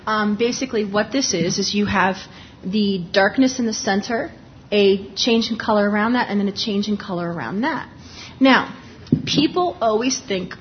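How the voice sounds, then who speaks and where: A woman's voice: medium pitch, dull audio, slight background noise. A woman lecturing on dermatology in a conversational, explanatory way, restarting sentences often and talking with a lozenge in her mouth. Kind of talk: live lecture.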